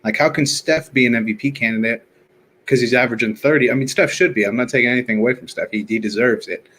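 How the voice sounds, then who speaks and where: A man's voice: medium pitch, quick pace, fairly bright tone, a little hiss or hum. A young man co-hosting a sports podcast, arguing his points heatedly in casual slang and laughing often. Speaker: podcast co-host.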